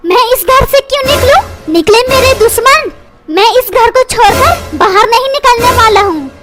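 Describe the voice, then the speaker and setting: A defiant cartoon kid who bosses his parents around, in a squeaky, piping voice, as a woman plays him. Loud music plays right under him. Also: animated, moderate pace. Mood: stubborn. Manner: defiant, bossy. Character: cheeky young boy who talks back to his parents.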